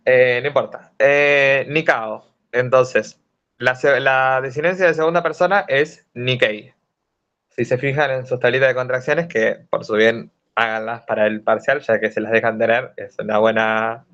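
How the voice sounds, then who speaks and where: A man's voice: medium pitch, a bit bright. A young man with a Rioplatense accent tutors fellow students in an informal online study group, explaining step by step with many fillers and hesitations. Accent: Rioplatense Spanish. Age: young adult. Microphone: video call. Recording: dull lo-fi online call audio.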